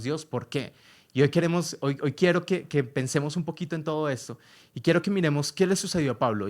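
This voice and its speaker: A man, preaching a conversational sermon. He tells stories, asks the listeners rhetorical questions, checks in with a quick "¿sí?" and moves between loud and soft passages. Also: medium pitch. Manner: storytelling, loud and soft by turns.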